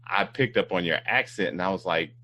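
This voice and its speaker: A man's voice: low voice, fairly quick, bright, forceful tone, a little hiss or hum. A man from Indiana hosting a casual interview, rambling with many fillers and restarts. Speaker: talk show host.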